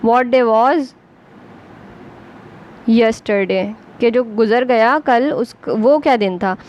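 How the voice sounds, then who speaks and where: A woman with an Urdu accent teaches basic English at a slow, careful pace, spelling words letter by letter. Her voice sits slightly high. The lo-fi recording is dull, with faint passing traffic behind her. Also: a little mellow. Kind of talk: basic English lesson for beginners.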